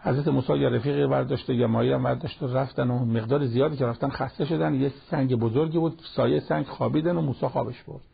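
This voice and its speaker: A man with a rough, gravelly, raspy voice gives a Quran lesson as a storyteller, slipping into the speakers' lines as he retells the dialogue. The sound is dull and lo-fi, like an old television broadcast. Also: mid-range voice, fairly even intonation, hardly any pauses. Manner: retells a story in plain colloquial speech, acting out the dialogue. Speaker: Quran teacher.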